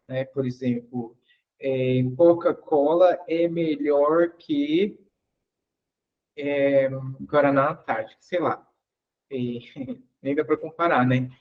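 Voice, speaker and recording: A man's voice: a little high, dull audio. A man teaching English grammar in an online class. He explains patiently, asks the class questions and repeats each example.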